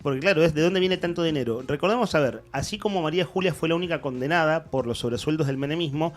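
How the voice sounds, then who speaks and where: A man's voice: on the high side, fast, soft background music. A man with an Argentine accent hosting a morning radio show, commenting on the news in a rambling way with many restarts. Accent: Argentine Spanish. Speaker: radio host. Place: radio studio.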